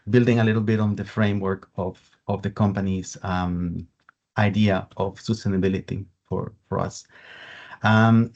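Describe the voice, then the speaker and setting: Gravelly Costa Rican man on a webinar. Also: fairly low pitch, a little mellow. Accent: Costa Rican Spanish. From Costa Rica. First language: Spanish. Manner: earnest, with repeated words and restarts. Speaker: sustainability lead at a coffee importer. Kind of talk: webinar panel introduction. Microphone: video call. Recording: dull lo-fi video call audio.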